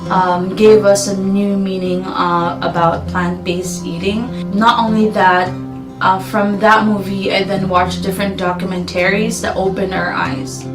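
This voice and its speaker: A woman's voice: medium pitch, little pitch movement, unhurried, roomy sound. A woman in her thirties, a mother, speaking casually and thoughtfully with some hesitations. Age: 30s. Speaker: interviewed mother. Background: guitar music.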